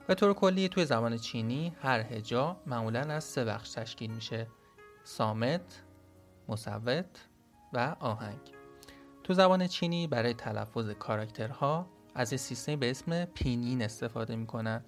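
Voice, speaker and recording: A man teaching a podcast language lesson, explaining step by step and saying sounds aloud as examples. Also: mid-range voice.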